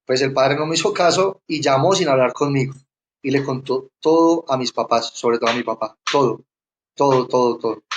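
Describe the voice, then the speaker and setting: A young man giving a personal testimony, halting and often repeating words as he restarts. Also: medium pitch, slight background noise. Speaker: interviewee sharing his testimony.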